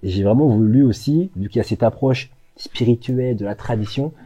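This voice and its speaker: Soft-spoken, hesitant French-born man. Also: medium pitch, a little fast, breathy edge, no room sound, highs cut off. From France. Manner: thoughtful, hesitant, many fillers. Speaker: co-founder of a natural products brand. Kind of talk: interview answers.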